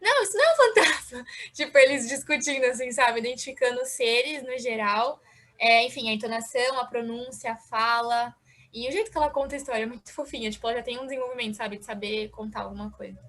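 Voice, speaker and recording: Woman, student, video call, rapid informal talk, slightly high voice. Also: steady tone, a bit bright. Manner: quick and informal, leans on fillers like "tipo" and "sabe". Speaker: student in a seminar. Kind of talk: casual remarks in an online class. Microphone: video call microphone.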